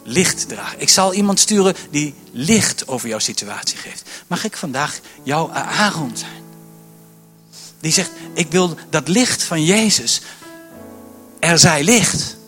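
A man preaching a sermon from a church stage, impassioned and building to near shouting, often repeating words as he starts a sentence. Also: fairly high pitch, expressive, takes it slowly, faint music behind. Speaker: pastor.

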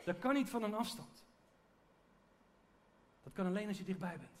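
Preacher, male, higher-pitched, earnest conversational sermon with restarts. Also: lively intonation, normal speed. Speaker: pastor.

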